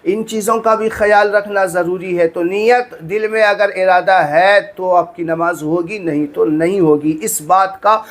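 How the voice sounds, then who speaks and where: A man's voice: high-pitched, steady tone, unhurried, few pauses. A man, a religious teacher explaining prayer step by step, earnest and repetitive, often checking that listeners understood. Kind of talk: instructional talk on prayer.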